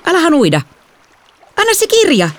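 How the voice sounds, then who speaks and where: A woman voicing a whiny spoiled girl of nearly twelve in an audiobook, her voice pushed high. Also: sing-song. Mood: upset.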